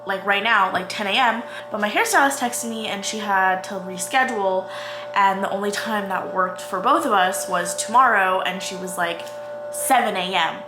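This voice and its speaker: A woman's voice: medium pitch, normal speed, music in the background, rough recording. A woman in her twenties rambling casually while filming herself at home with a handheld camera, full of "like" and "um". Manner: chatty, rambling, lots of "like" and "um". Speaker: vlogger. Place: at home, bedroom closet.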